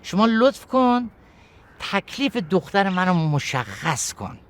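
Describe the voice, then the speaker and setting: Brief: mocking comic father, high and very lively voice. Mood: scornful. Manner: mocking, theatrical, swings between loud and soft. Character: sarcastic bossy father scolding daughter's fiancé. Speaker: father in a comedy series.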